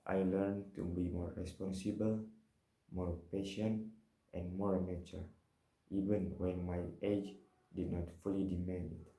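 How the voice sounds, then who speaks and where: A young man with an Indonesian accent, a first-semester student, reading a personal monologue for a class assignment in slow, careful, measured phrases. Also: low-pitched, flat delivery, mellow. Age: young adult. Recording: roomy echo.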